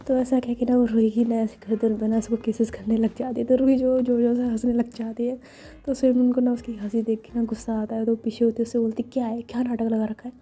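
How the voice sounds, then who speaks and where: A woman narrating a romance story in a soft voice that often drops to a whisper. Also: a little high, level tone, fairly quick, breathy edge.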